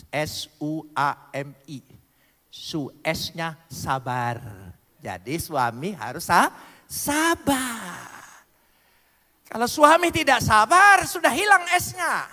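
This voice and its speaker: A man's voice: sits high, pushed and bright. A male pastor gives a playful sermon to his congregation, joking and spelling out words. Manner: playful preaching with jokes and wordplay, addressing the congregation. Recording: long hall reverb.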